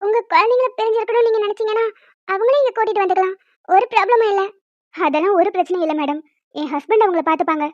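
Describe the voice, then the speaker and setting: A woman voicing a calm, practical nurse and mother of two who gives steady advice in a small animated drama, recorded dry and a bit dull. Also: very high voice, very fast, no echo. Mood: reassuring. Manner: reassuring, instructive.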